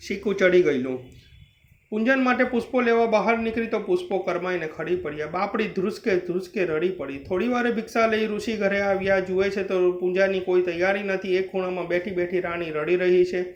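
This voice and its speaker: Man telling a devotional story, steady and earnest, high voice, echoey dull sound. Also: brisk, a little hiss or hum. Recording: roomy, slightly dull recording.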